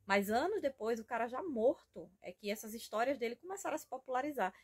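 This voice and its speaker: A woman's voice: fairly high pitch, animated, fast, slightly rough. A Brazilian woman with a Brazilian Portuguese accent, chatting casually and enthusiastically in a homemade reading vlog from home, rambling with frequent tag questions. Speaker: book vlogger.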